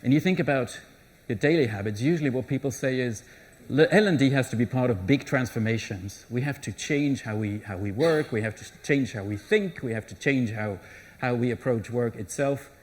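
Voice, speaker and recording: A middle-aged German man presents a live conference talk in a session room, speaking conversationally with frequent restarts and fillers. His voice is medium in pitch and darkish in tone, at a moderate pace.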